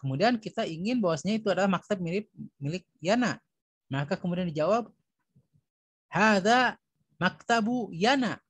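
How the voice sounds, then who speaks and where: An Indonesian man teaching Arabic grammar, repeating each term and filling pauses with "ya" and "nah". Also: high voice, animated, breathy edge, dry recording, rough recording. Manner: repeats terms, fills with "ya" and "nah". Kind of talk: recorded grammar lesson.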